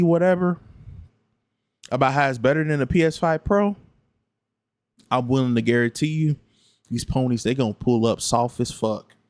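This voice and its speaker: A man's voice: on the high side, no echo. A man, tired late at night, bluntly arguing and repeating himself in a casual reaction stream. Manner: repetitive, blunt, argumentative. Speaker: gaming streamer responding to another streamer.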